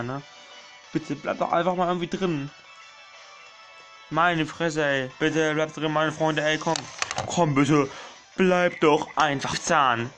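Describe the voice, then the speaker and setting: A young man commentating his gameplay casually, excitable, swearing and pleading with the game while addressing his viewers as friends. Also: on the high side. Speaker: gaming channel host.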